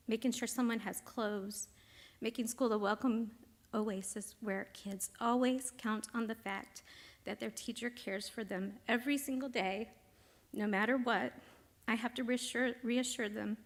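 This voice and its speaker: A middle-aged woman, reading her own essay to a congregation in a quiet, measured voice that sinks at times to a near whisper. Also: a little high. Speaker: congregation member and teacher. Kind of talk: reading a personal essay aloud. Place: synagogue sanctuary.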